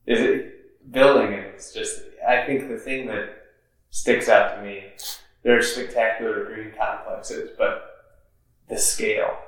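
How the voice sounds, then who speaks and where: Male interviewer, low gravelly voice, halting, distant with heavy room echo. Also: fairly bright tone. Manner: halting, searching for words. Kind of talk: casual interview questions. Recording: very echoey, far from the mic.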